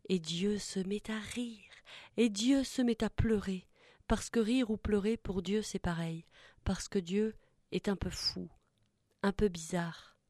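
A woman recites a poem in a mellow, warm voice at an unhurried pace. Her reading stays soft and measured. The sound is close and dry. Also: mid-range voice, no echo. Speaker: reader. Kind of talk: poetry reading.

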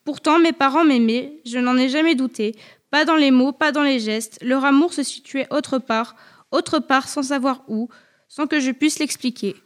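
Une femme qui lit un roman à la première personne, d'un ton posé et intime. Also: female voice, sits high. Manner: measured, intimate, literary. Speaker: audiobook reader. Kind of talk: first-person literary narration.

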